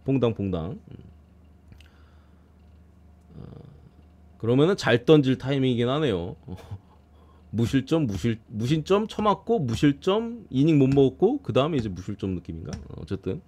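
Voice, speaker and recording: A man giving a casual streamed preview of baseball games, blunt and quick to swear and grumble. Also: medium pitch, sing-song, darkish tone. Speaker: baseball betting analyst streamer.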